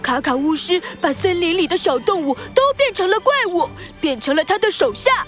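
A woman voicing a plucky, excitable little boy pig hero in a children's audio story, with an eager, childlike delivery. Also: very high-pitched, a little fast, faint music behind. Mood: earnest, brave.

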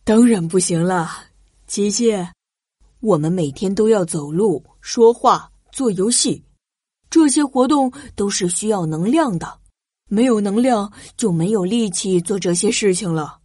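A woman voicing a patient, cheerful father who gently explains things to his child in a children's story. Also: mid-range voice, expressive, unhurried, slightly rough, no echo, clean studio sound, pitched below the performer's own voice. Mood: coaxing.

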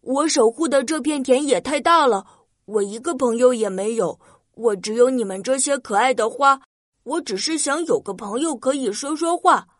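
A woman voicing a timid, lonely female robot in a children's story, gentle and hesitant in the way she talks. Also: fairly high pitch, a little slow, no room sound, clean studio sound, natural voice. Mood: sad, pleading. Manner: hesitant, stammering, apologetic.

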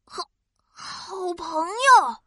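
A woman voicing an excitable, childlike host of a children's science cartoon, wide-eyed and exclaiming to her young audience. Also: extremely high pitch, extremely slow, no echo, studio quality, heavily acted. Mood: amazed. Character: Qiqi, excitable childlike friendly kids' science show host.

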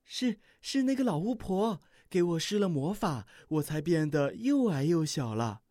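A storybook reader voicing a kind, playful young deer in a soft, gentle, yielding voice. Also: medium pitch, very animated, unhurried, dry recording, studio quality, pitched above the performer's own voice.

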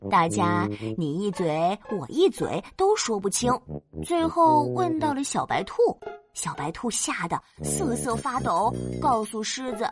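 Lively high-voiced woman telling a children's story. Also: unhurried. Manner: playful, animated, with sound words. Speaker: mother telling a bedtime story. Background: children's background music.

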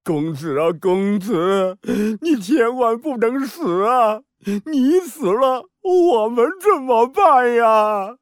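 A man's voice: fairly low pitch, wildly swooping pitch, normal speed, few pauses, no echo, studio quality, pitched below the performer's own voice. A man voicing a loyal, bearded older tutor in a children's storybook, who starts lines with a hesitant "uh". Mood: sobbing. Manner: hesitant "uh" before speaking.

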